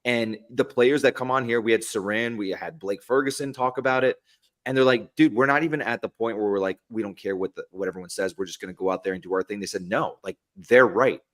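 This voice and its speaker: A man's voice: on the low side, fast, fairly bright tone. A man co-hosting a sports podcast, talking through the season in a loose, rambling way and correcting himself as he goes. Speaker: podcast co-host. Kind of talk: casual sports chat.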